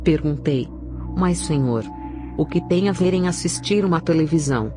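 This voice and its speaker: Over clear background music, a woman with a Brazilian accent reads a scripted religious testimony. Her voice is low-pitched and her pace is moderate.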